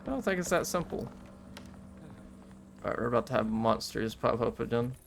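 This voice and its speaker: A man's voice: medium pitch, animated, moderate pace, vocal fry, soft background music. A man giving casual commentary as he plays a video game. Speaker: gamer playing on camera or stream.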